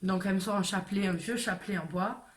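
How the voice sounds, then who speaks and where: A woman's voice: mid-range voice, fairly even intonation, fast. A woman telling a personal story to camera in a casual way, hesitant with many fillers and restarts.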